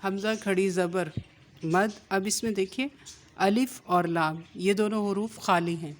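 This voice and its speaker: A woman teaching a Quran reading lesson, spelling words out syllable by syllable and drawing them out slowly, then explaining quickly. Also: medium pitch, steady tone. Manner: slow drawn-out syllables when modeling words, quicker when explaining.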